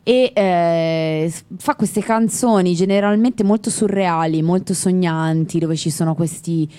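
A woman co-hosts a music radio show in loose, easygoing chat. Her voice sits low, with a dark, mellow tone. She wanders from one tangent to the next and laughs easily. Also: measured pace. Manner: chatty, digressive, laughs easily. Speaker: radio co-host.

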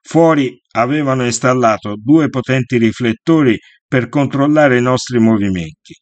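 A man narrating a first-person memoir in a steady, measured storytelling voice. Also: medium pitch, no echo, dull audio.

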